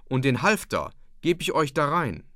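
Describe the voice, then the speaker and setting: A man's voice: on the high side, big pitch swings, moderate pace, bright, forceful tone, dry recording, clean studio sound. A man voicing a cunning, ragged male vagabond who sells a horse, talking in a wheedling way. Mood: sly, wheedling.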